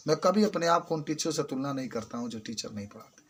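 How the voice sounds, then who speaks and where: A man's voice: medium pitch, lively intonation, fast talker, slightly rough. A man teaching a chemistry class, repeating key terms and firing questions at his students. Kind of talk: classroom lecture.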